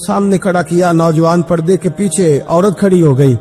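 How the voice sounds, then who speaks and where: A male preacher telling a devotional story in an emotional sermon, his voice swelling dramatically. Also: dark tone. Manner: dramatic, building to impassioned highs. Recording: long reverb in a big hall, faint music.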